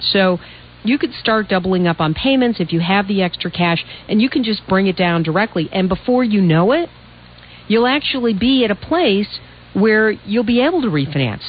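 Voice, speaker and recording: A woman's voice: medium pitch, muffled recording. A woman hosting a radio call-in show, giving direct, explanatory advice in a conversational way. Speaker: radio call-in host, financial adviser.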